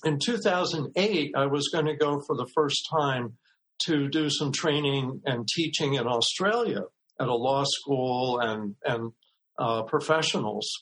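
An older man, a lawyer and mediator, telling a story in a relaxed, anecdotal way as a podcast guest, acting out the voices he quotes. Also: mid-range voice, unhurried, low-quality recording.

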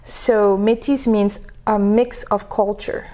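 In a relaxed interview chat, a Senegalese woman whose first language is French appears as a podcast guest and coach, sharing stories with easy laughter. She speaks slowly with a steady, mid-range, dark voice.

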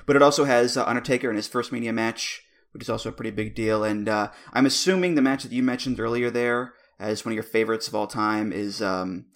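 A man's voice: mid-range voice, fast, hardly any pauses. A man hosting a podcast, chatting casually with wry, knowledgeable asides. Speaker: podcast host. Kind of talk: casual chat.

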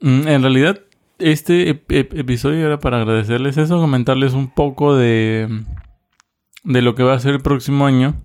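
Relaxed joking male podcast host. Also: mid-range voice, normal speed. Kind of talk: casual chat.

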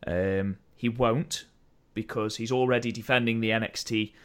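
A man co-hosting a podcast, chatting casually about wrestling in an animated, opinionated way that slides into rants. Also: fairly low pitch, moderate pace, clear, resonant tone. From United Kingdom. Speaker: podcast co-host.

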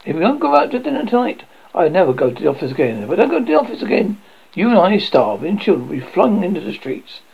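A man's voice: sits high, very animated, brisk, gravelly, hardly any pauses, breathy edge, dull audio, exaggerated voice. A man voicing a blustering, pompous middle-aged father who bursts out in exasperated, theatrical complaints. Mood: stern.

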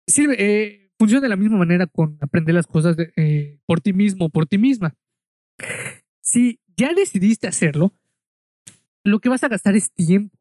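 A man's voice: high voice, lively intonation, normal speed, a little mellow, no room sound, clean studio sound. A man from Mexico with a Mexican accent, casually telling a story in a monologue, chatty and full of asides, speaking straight to the listener.

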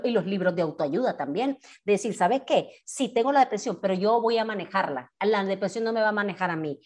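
A woman, a guest in an interview, talking earnestly and animatedly about her own experience. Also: fairly high pitch. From Nicaragua. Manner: earnest, animated storytelling with self-talk asides. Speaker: guest, communicator and singer-songwriter. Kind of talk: candid personal interview.

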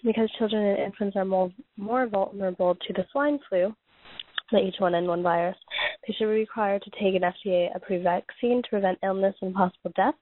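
Woman host, voice going hoarse, halting read-through, coughing and restarting, tinny phone-like sound. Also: mid-range voice, steady tone, slight background noise. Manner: halting reading with frequent restarts and throat clearing. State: losing her voice, coughing. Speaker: podcast host reading points on a topic. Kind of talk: reading prepared notes aloud.

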